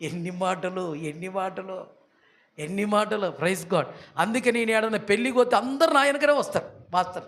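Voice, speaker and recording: High-voiced Telangana-accented preacher. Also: male voice, a little fast, fairly bright tone. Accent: Telangana Telugu. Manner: peppers talk with "praise God", builds into ringing rhetorical questions. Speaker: pastor. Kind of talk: sermon.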